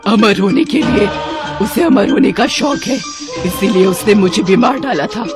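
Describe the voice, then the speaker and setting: A woman voicing a vengeful female ghost, a dead first wife, who gives commanding warnings in a loud voice, with music behind. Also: mid-range voice, moderate pace, natural voice. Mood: urgent warning.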